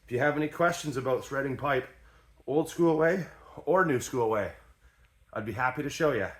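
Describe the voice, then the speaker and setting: A tradesman in his workshop casually demonstrates an antique tool in a folksy, plain-spoken manner, with ratchet clicks sounding behind him. His voice is medium-pitched and his speed normal.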